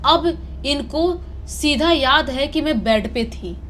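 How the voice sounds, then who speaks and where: Woman telling a horror story, slightly high. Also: takes it slowly, fairly bright tone, slight background noise. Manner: dramatic, building suspense. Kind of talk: told horror story narration.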